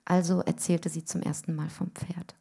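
A woman reading a literary story aloud in a rhythmic way, often dropping to hushed tones. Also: fairly low pitch, level tone, moderate pace, gravelly, husky. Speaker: reader.

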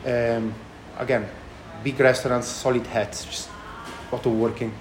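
Casting: male interviewee, thick Italian accent, halting conversational delivery, roomy sound, light background noise. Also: medium pitch, level tone. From Italy. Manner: halting, non-native phrasing. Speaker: chef and restaurant owner being interviewed. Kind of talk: casual interview answers. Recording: echoey room with background noise.

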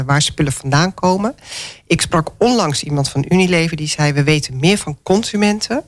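Woman on a panel explaining things calmly, dry close mic. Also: sits low, no room sound. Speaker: panel guest. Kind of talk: panel discussion.

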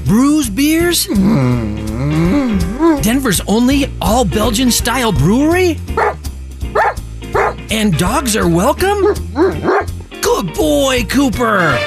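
A man's voice: sing-song, extremely slow, long pauses, over music, full character voice. A man playing a doting dog owner in a radio ad, cooing questions at his pet. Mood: playful, doting. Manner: high-pitched cooing questions.

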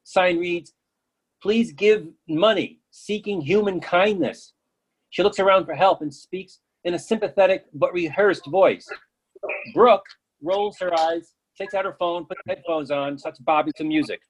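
A man's voice: high-pitched, unhurried, poor audio. A man reading stage directions as scripted narration for a play.

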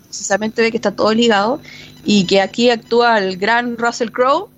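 A woman's voice: fairly high pitch, moderate pace, highs cut off, slight background noise. A woman co-hosting a podcast who chats casually about film and history, telling stories with animation and laughter. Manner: animated, laughing storyteller with many restarts. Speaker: podcast co-host.

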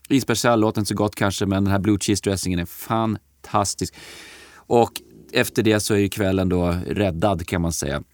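A man's voice: fairly low pitch, a little mellow, no echo, studio quality. A man co-hosting a podcast, chatting with enthusiasm and plenty of hesitant fillers. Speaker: podcast co-host. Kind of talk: casual chat.

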